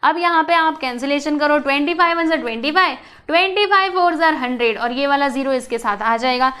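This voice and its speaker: A woman's voice: high-pitched, fairly quick, bright, forceful tone. A young woman teaching a math lesson in a chatty, coaxing way, often asking her students questions and mixing in English terms. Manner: mixes English terms into explanations.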